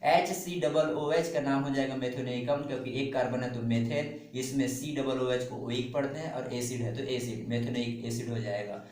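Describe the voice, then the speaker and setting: A man's voice: medium pitch, fairly even intonation, normal speed, few pauses, darkish tone. A man teaching a chemistry lesson, repeating each step and quizzing the class with questions as he goes. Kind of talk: classroom lecture. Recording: echoey room, distant mic.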